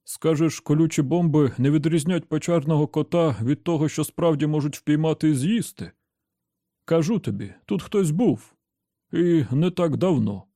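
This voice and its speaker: A man doing a strained, higher-voiced traitor. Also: moderate pace, mellow, dry recording, clean studio sound, close to an everyday voice. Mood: angry. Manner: whiny then weary and dignified. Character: frightened, bitter middle-aged male traitor.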